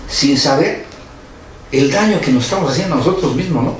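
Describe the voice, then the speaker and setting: A man, hosting a talk show in a conversational way, often pausing and searching for words. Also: fairly high pitch, animated. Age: 60s. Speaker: host. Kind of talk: radio-style talk show chat. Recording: very echoey room with faint noise.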